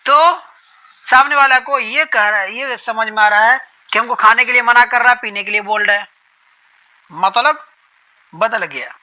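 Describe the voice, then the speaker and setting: A man's voice: very high voice, long pauses, bright, forceful tone, rough recording. A man teaching a lesson on Quran reading, who repeats each point and asks questions that he then answers himself. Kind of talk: explanatory lesson.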